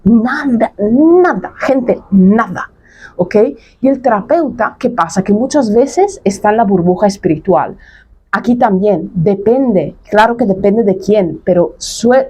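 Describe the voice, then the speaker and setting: Here the same kind of coach, a woman in her thirties, talks directly to the camera with a warm, husky voice of medium pitch. Her casual monologue is blunt and emphatic, heavy on repetition and slang.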